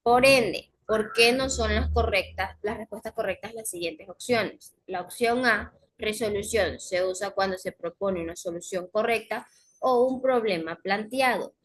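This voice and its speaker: A woman's voice: medium pitch, a little slow, low-quality recording. A woman teacher going through test questions one by one, explaining each answer with frequent fillers and self-corrections. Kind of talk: recorded class explanation.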